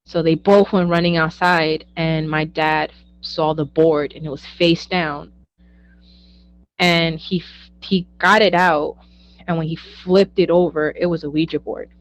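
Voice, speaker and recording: A woman's voice: sits low, unhurried, a little hiss or hum, low-quality recording. A young woman, a psychic medium guest, telling stories in a casual interview and acting out the quoted dialogue. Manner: animated, acts out quoted dialogue, laughs often.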